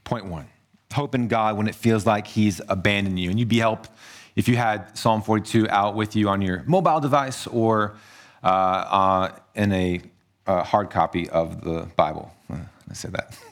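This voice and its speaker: A man preaching a sermon as pastor, earnest, moving between hushed low passages and raised emphatic ones. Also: normal speed.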